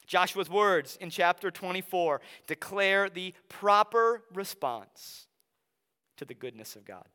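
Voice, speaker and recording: A pastor preaches in a high, ringing voice that sounds crisp and clear. He talks conversationally, then slows right down to lean on key phrases. His words trail into the long reverb of a large hall. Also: expressive, bright, forceful tone. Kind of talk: sermon with Bible reading and personal story.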